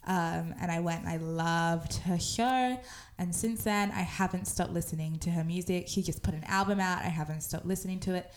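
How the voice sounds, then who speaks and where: A woman's voice: fairly low pitch, normal speed, slight background noise. A young woman, a singer co-hosting a podcast, chatting eagerly with many filler words. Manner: enthusiastic, filler-heavy. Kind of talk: casual chat.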